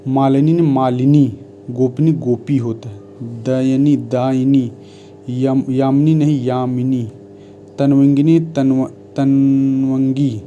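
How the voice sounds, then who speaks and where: A man teaching Hindi spelling, reading out word lists one by one in a measured dictation style. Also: mid-range voice, steady tone, warm tone, highs cut off, soft background music.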